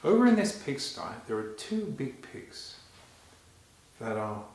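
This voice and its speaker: A man performing a story live for children, animated and talking to them directly, halting and repeating phrases as he goes. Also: mid-range voice. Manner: animated, addressing children with questions. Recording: very echoey, reverberant room.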